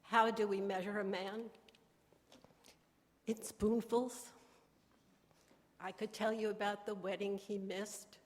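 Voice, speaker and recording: An older woman, the widow of the deceased, giving a measured and reflective funeral eulogy. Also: mid-range voice, level tone. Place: memorial chapel. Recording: long chapel reverb.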